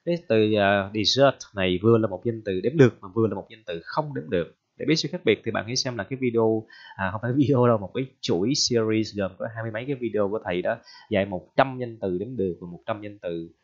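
A male teacher explains English vocabulary in a relaxed, chatty way, tossing in jokes and tag questions. His voice sits fairly low. The recording sounds dull and lo-fi. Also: fast talker. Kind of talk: casual vocabulary lesson.

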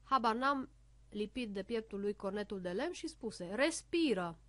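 A woman reading a children's storybook aloud, with an expressive, lively delivery. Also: medium pitch, no echo. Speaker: narrator.

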